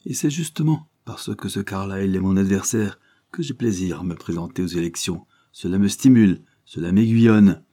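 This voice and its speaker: Man as a defiant, sneering nobleman, low and dark-toned. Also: normal speed, hardly any pauses.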